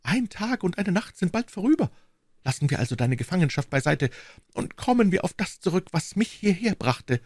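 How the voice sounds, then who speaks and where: Man doing a high urgent young wife. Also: very animated, moderate pace, darkish tone, slightly rough, no echo, clean studio sound, heavily acted. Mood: urging. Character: anxious, determined young wife. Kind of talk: audiobook reading.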